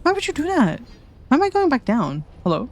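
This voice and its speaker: A woman streaming a game playthrough, reacting excitedly, giggling and talking to her viewers. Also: high-pitched, brisk.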